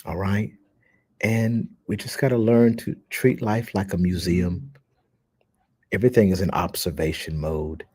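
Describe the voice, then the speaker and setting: A man's voice: low voice, a little slow, a little mellow, slightly rough, no room sound. A man talking to his followers in a casual, emphatic monologue, with plenty of fillers. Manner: emphatic, indignant, with frequent fillers. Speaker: social media host.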